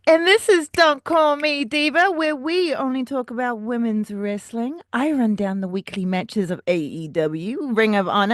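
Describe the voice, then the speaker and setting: A woman hosting a casual solo wrestling podcast, excitable and rambling, swearing freely as she goes off on tangents. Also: a little high, no room sound, clean studio sound. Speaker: podcast host.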